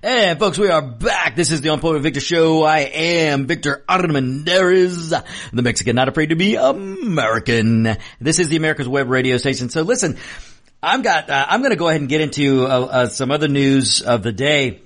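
A male talk radio host speaks off the cuff with emphasis, repeating phrases to drive them home. His pitch swings widely as he goes. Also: expressive, normal speed, a bit bright. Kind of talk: impassioned unscripted monologue.

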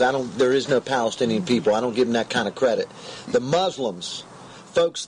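A man's voice: medium pitch, slight background noise, poor audio. Emphatic male talk show interviewer.

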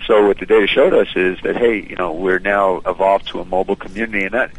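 Deep-voiced man on a landline phone. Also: steady tone, fast talker, breathy edge, poor audio. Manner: fluent, businesslike, many uh and um fillers. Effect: heard over a landline phone. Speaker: company founder and CEO, guest. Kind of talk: radio interview guest explaining his service.

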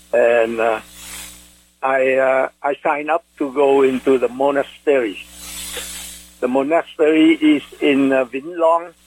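A man's voice: medium pitch, creaky, a little mellow, low-quality recording. An older man from Vietnam with a Vietnamese accent, recollecting in a radio interview and often searching for words in English, which is not his first language. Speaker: interview guest, war veteran.

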